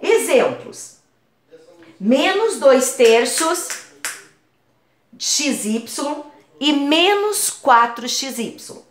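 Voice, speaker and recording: Woman teacher going through algebra, patient, bouncy up and down voice, kinda high, echoey room. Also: big pitch swings, drawn-out words, long pauses. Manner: patient, uses everyday comparisons. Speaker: math teacher. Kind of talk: explaining algebra lesson.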